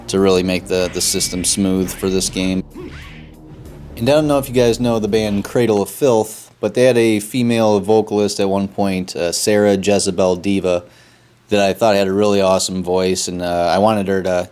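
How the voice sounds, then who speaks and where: Casual male presenter with a deep voice and an easygoing, rambling delivery, faint music underneath. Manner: relaxed, rambling, with frequent fillers and restarts. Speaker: game creator presenting his old project. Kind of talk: casual narrated walkthrough.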